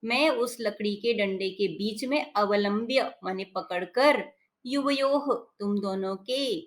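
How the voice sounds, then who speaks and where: Slow, patient woman teacher. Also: mid-range voice. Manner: patient, repeats each meaning. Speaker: Sanskrit teacher. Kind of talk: explaining a textbook lesson word by word.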